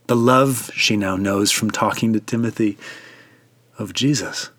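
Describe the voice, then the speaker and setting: A male preacher retelling a Bible story as sermon storytelling, unhurried with hushed dramatic pauses. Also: lowish voice.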